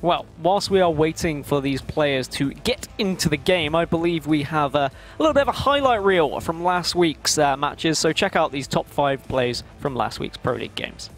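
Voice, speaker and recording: A man's voice: a little high, animated, moderate pace, few pauses, soft background music. A man hosting an esports broadcast in a casual, jokey, chatty way. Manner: jokey, informal.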